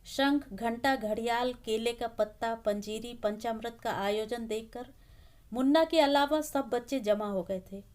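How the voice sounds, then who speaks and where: Woman storyteller, slow and warm, measured expressive narration. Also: fairly high pitch.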